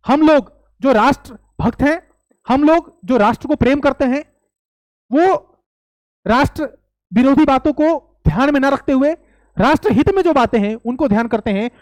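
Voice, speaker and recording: A man's voice: very high-pitched, moderate pace, a little mellow, no room sound. A young man teaching in a classroom-style lecture, emphatic and repetitive, often asking rhetorical questions. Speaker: exam coaching teacher.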